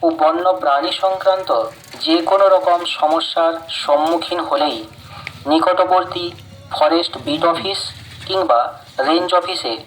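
A man with a fairly high voice reads a public notice. He takes it slowly and formally, in short, deliberate phrases. A faint hiss sits under his voice. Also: fairly even intonation, a bit bright, low-quality recording. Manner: slow, measured official reading in short phrases. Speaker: forest office announcer. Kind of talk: formal public service announcement.

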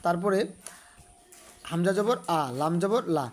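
A man's voice: high voice, a little slow. Man spelling out Quran recitation. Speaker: Quran reading teacher.

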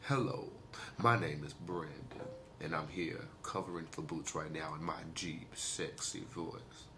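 A man putting on a smooth, deep-voiced persona of a male radio fill-in host, speaking in a low, hushed, crooning way. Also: a little slow, background noise.

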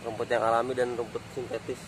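A man talks fast in a mid-range voice during a relaxed walking tour of a stadium construction site, pointing things out as he moves. He's filmed outdoors on a phone camera held low, and the background is noisy throughout this casual walk-and-talk.

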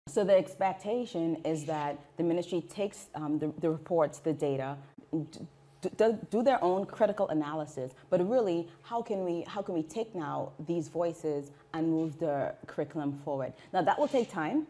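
A woman's voice: low voice, moderate pace. A woman in her forties, an education researcher, speaking animatedly as a guest in a television studio interview. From Bahamas. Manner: animated, gestures while talking, acts out quoted voices. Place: small indoor TV studio.

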